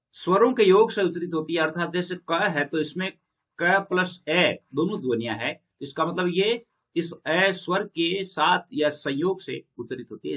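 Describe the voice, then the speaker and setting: A man's voice: fairly high pitch, fairly bright tone, muffled recording. A male lecturer teaching a classroom lesson, repeating key points and quizzing his listeners. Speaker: Hindi literature lecturer.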